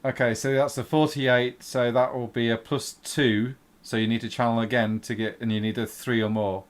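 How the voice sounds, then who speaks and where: A man's voice: medium pitch, steady tone, normal speed. A man acting as game master, casually explaining rules and narrating a tabletop game.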